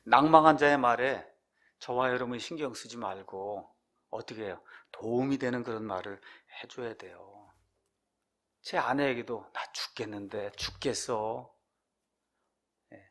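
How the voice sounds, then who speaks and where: A man's voice: mid-range voice, normal speed, fairly bright tone. A middle-aged male pastor giving an expository sermon, asking the congregation rhetorical questions and acting out anguished prayers.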